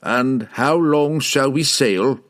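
A man's voice: mid-range voice, slow pace, a bit bright, pitched above the performer's own voice. A man reading aloud, voicing a blunt young male barbarian. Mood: dismayed.

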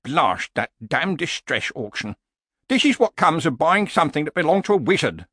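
A man's voice: fairly high pitch, very animated, moderate pace, fairly bright tone, breathy edge, no room sound, clean studio sound, pitched above the performer's own voice, heavily acted. Man playing Cohen, a grumpy old barbarian hero. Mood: exasperated. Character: elderly male barbarian hero, grumpy, stubborn, world-weary.

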